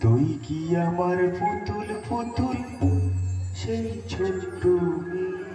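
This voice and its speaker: An actor playing a cruel, lecherous male holy-man villain in a folk stage drama, with slow, gloating delivery. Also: high-pitched. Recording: echoey live stage, far mic, loud music.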